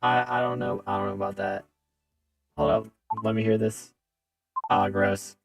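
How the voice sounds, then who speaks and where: A man's voice: on the low side, level tone, moderate pace, faint music behind. Playful man chatting on a game stream. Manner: playful, rambling, jokes with chat. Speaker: gaming streamer. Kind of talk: casual livestream chat.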